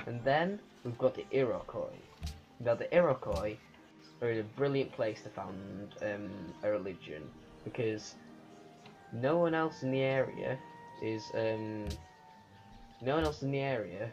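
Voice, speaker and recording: A man giving unscripted commentary on a strategy game, thinking aloud in a halting way. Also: on the low side, very animated, a little mellow. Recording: muffled lo-fi recording with music. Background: music.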